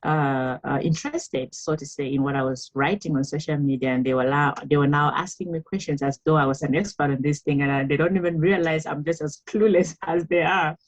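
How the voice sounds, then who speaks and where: A woman's voice: low-pitched, steady tone, fairly quick, hardly any pauses, low-quality recording. A woman from Cameroon, a guest author, telling her story in a podcast interview, reflective and chatty with laughs and fillers.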